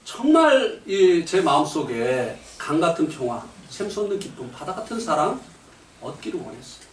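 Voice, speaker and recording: Man, high and very lively pitch, preaching a testimony; recorded from a distance in an echoey hall. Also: moderate pace, slight background noise. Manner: animated storytelling with shouted punchlines and laughter. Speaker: lay preacher giving a testimony. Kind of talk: sermon testimony. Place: church meeting hall.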